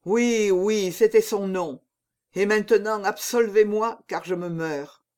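A man's voice: high voice, takes it slowly, a little mellow. A man reading aloud, voicing a dying executioner who begs in anguish for absolution. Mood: pleading. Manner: pleading, anguished.

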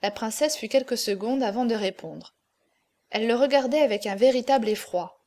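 A woman reading a classic novel aloud as an audiobook narrator, in a measured, even manner. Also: on the high side.

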